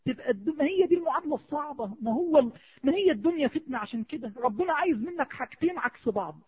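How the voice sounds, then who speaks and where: A man with an Egyptian Arabic accent preaching a sermon, impassioned, moving between hushed pleading and rising exhortation. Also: very high voice, expressive, very fast. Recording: dull lo-fi recording.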